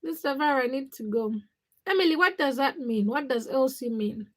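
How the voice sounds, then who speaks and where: Here a livestream host with a Ugandan accent talks casually to her viewers at a moderate pace. Her voice is high, and her speech comes in brief, fragmented bits with plenty of repetition.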